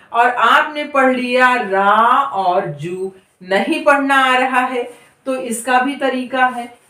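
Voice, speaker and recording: A woman's voice: fairly high pitch, fairly bright tone, roomy sound, distant mic. A woman teaching beginners to read, who draws out each long vowel and repeats every word several times. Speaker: Hindi reading teacher. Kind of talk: slow, drawn-out spelling lesson for beginners.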